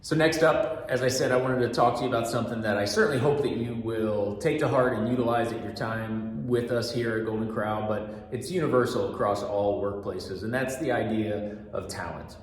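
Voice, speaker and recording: A middle-aged man, a restaurant manager, giving a staff orientation talk through a mask in a steady, fairly monotone, earnest way. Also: fairly low pitch, fairly quick, hardly any pauses. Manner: talks through a mask, patient and repetitive. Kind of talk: training talk. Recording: very echoey room with long reverb.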